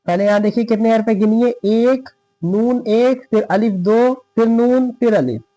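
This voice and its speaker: A man's voice: extremely high pitch, normal speed, mellow, dry recording. A man teaching Urdu reading who spells out words letter by letter and patiently repeats each syllable. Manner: patient, keeps checking with "thik hai". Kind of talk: slow step-by-step reading lesson.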